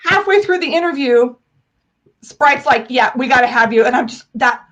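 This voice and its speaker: A woman's voice: sits high, animated, normal speed, a bit bright. An American woman telling personal stories as an interview guest, in an emphatic, irreverent way, often acting out dialogue. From United States. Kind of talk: animated personal storytelling in a live interview.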